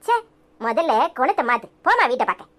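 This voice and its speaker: A woman's voice: sits high, very animated, a little fast, a bit bright. A woman voicing an outspoken village woman in a cartoon who lectures indignantly, with a Tirunelveli Tamil accent. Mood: scolding. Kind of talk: cartoon voice acting.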